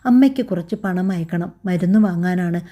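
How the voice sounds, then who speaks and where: A woman voicing a hurt young wife in a storybook, pleading softly in a wounded tone. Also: fairly low pitch, normal speed, natural voice.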